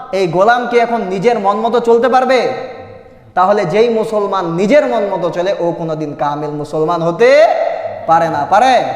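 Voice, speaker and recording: An older man preaching a sermon, asking the crowd rhetorical questions and chanting verses in a slow melody. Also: high voice. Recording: echoey hall, sound from a distance.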